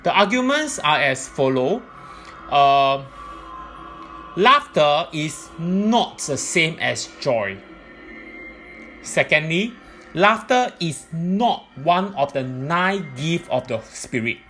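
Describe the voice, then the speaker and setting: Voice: mid-range voice, big pitch swings, slow pace, a bit bright, soft background music. A presenter giving explanatory religious teaching in a methodical, point-by-point way.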